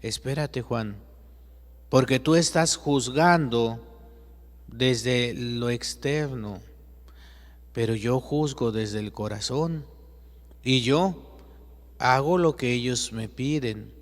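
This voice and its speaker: Guy doing a soft, patient wise teacher, slow and even, long echo. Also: mid-range voice, natural voice. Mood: calm. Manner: soft, measured, explaining. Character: calm, patient divine teacher, gentle and wise. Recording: long echoey reverb.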